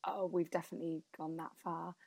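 A woman guest answers questions in a casual interview. Her voice sits a little low, and she talks in an easy, open way. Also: little pitch movement, a little fast, gravelly, a little mellow, slightly rough.

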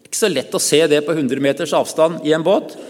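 A man preaching a sermon, retelling a Bible story in a calm, measured way with pauses. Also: fairly high pitch. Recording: church with long reverb.

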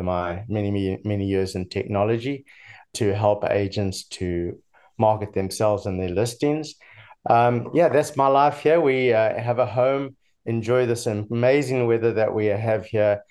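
A man in his sixties with a slightly mixed South African accent tells his life story as an interview guest, hesitant and reflective. His voice is fairly low and darkish.

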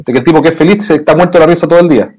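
A man's voice: a little high, racing, darkish tone, breathy edge. A man with a Chilean accent hosting an interview podcast, agreeing often and joking. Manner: frequent short agreements, jokey. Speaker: podcast host. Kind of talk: interview host chat.

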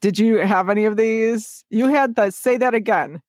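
A woman's voice: a little high, moderate pace, darkish tone, no echo. Giggly chatty woman, dry close sound. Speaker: podcast co-host. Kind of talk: casual chat.

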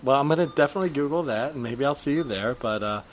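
A man playing a blunt, probing woman shopper and young mother who questions a stranger with deadpan persistence in an improvised comedy scene. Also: mid-range voice, fast, a little hiss or hum, close to an everyday voice. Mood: polite.

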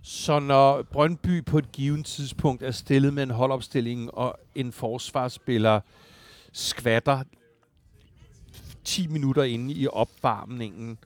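A man's voice: medium pitch, steady tone. A man co-hosting a podcast in a heated casual debate, talking at length with frequent restarts and rising when worked up. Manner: wordy, restarts often, rises when worked up. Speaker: podcast co-host.

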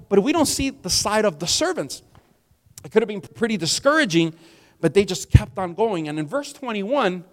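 A man in his forties preaching a sermon in a conversational style, rising to emphatic peaks. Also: high-pitched. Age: 40s. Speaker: pastor. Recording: long hall reverb.

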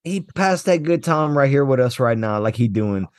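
Tipsy Cajun man hosting, lively voice. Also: mid-range voice, moderate pace, no echo, studio quality. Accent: Cajun Louisiana. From Louisiana, USA. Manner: loud, profane, laughing storyteller. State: drunk on whiskey. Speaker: podcast host. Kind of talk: casual podcast chat.

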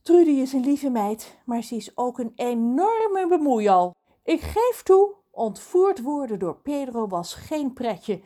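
A vain, bossy mermaid of 357 years who talks down to everyone around her, as a woman puts her on. She speaks high and lively, with plenty of swoop and push in her voice, like a character from a storybook. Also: slow, full character voice. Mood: haughty. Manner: haughty, commanding.

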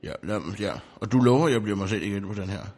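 A man's voice: on the low side, a little mellow, natural voice. A man playing a wary, easily alarmed village priest who talks bluntly and swears mildly in a comic drama. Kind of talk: comic role-play drama.

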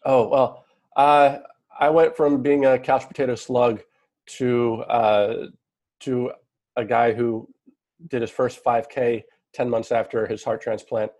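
A man's voice: mid-range voice, fairly even intonation, takes it slowly, a little mellow, dry recording. A man in his thirties or later, introducing himself on a panel in an earnest way, with many restarts and fillers.

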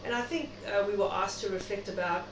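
A middle-aged South African woman, speaking at medium pitch and a fairly quick pace, chats reflectively as an interview guest. The recording comes from a noisy, echoey room with a distant mic.

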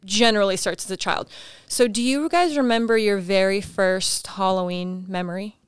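A woman's voice: medium pitch, moderate pace, smooth, no room sound. A woman hosting a casual chat show in a chatty, giggly manner. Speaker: show host.

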